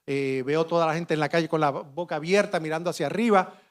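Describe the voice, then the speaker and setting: A middle-aged man speaks on a conference panel. He tells a dramatic first-person story in a high voice, animated and vivid. He acts out the dialogue and shouts out sound effects. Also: quick pace. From Puerto Rico.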